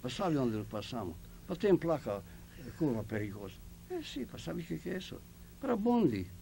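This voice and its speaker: A man's voice: on the high side, very animated, normal speed, gravelly, warm tone, a little hiss or hum. An older man from Yugoslavia, speaking Portuguese as a second language, telling his life story in an oral history interview and acting out the dialogue as he goes. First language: not Portuguese.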